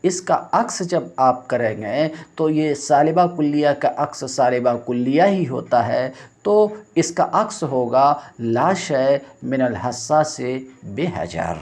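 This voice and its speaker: A man's voice: fairly high pitch, animated, darkish tone. A male religious teacher giving a classroom lecture on logic, explaining step by step, asking check-in questions and reciting textbook lines in Arabic.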